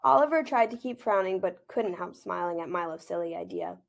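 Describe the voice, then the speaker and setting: Reading a picture book she wrote, a woman who also teaches speaks gently and expressively, with casual asides along the way. Her lowish voice is gravelly and her pace brisk.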